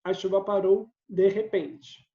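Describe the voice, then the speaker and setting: Here a man teaching English on video speaks slowly in a high-pitched, mellow voice with a level tone. He walks through the material patiently, one step at a time, frequently checking in with viewers, and the audio is roomy and a little dull.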